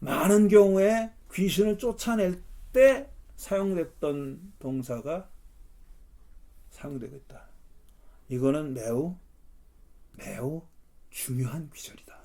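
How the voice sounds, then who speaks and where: A man leading a Bible study as pastor, explaining verses in an animated way and acting out the lines he quotes. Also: fairly high pitch, takes it slowly, long pauses. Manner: animated, acts out quotes with rising intensity.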